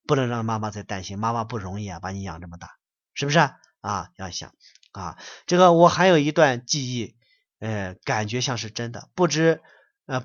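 A man's voice: mid-range voice, no echo. Male Buddhist lecturer, blunt and scolding, reads a letter aloud and preaches on it; dull, dry, close recording.

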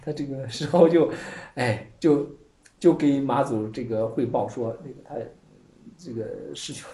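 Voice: mid-range voice, darkish tone. A Buddhist teacher giving a Chan dharma talk and telling an old koan as a story, laughing often and leaning on many filler words. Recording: echoey room.

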